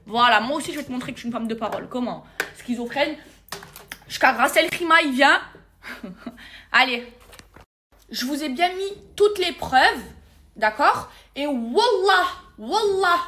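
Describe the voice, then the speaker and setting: A high-voiced woman vents to her followers in an irritated, emphatic rush. She repeats words and oaths to press every point, talking straight into a phone held close in a casual vlog. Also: pushed and bright. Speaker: social media personality.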